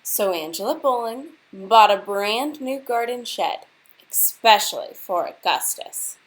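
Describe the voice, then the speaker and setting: A woman with a mid-range voice reads a children's picture book to young listeners in a teacherly, expressive, deliberate way, animated and posing questions straight to them. The audio is poor.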